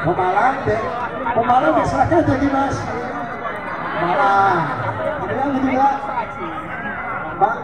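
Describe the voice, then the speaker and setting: A man with a Javanese accent booming out as a live prize announcer to a crowd at an outdoor event. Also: unhurried, pauses often. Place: outdoor volleyball court. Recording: distant echoing PA, loud crowd noise. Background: loud crowd.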